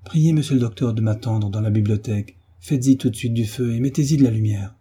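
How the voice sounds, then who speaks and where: A man reading the lines of an anxious young mother in a gentle, urgent tone, with a husky voice. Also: medium pitch, fast talker. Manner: soft, urgent pleading.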